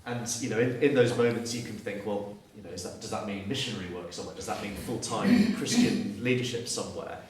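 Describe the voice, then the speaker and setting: A guest speaker from Surrey, in his thirties, talks briskly in a lowish voice with barely any pauses, his Southern English accent clear despite a rough recording. The mic sits far away in a very echoey room with some hiss or hum. He offers a heartfelt, reflective testimony and keeps restarting sentences.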